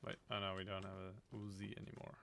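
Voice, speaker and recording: A man's voice: sits low, monotone, fast talker, gravelly. A young man from the south of the Netherlands, joking and laid-back as he gives casual commentary on his gameplay. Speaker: streamer. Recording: loud game noise behind voice.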